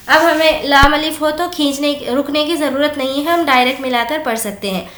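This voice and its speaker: A woman teaching tajweed, explaining each rule plainly and then reciting the words slowly and drawn out. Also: sits high, steady tone, a bit bright, reverberant. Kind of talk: slow word-by-word recitation lesson.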